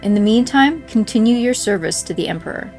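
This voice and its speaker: Slightly high and somewhat dark in tone, a woman reads written in-game messages aloud in an expressive, a little fast scripted narration. She's a game playthrough creator voicing in-game mail, and game music plays in the background.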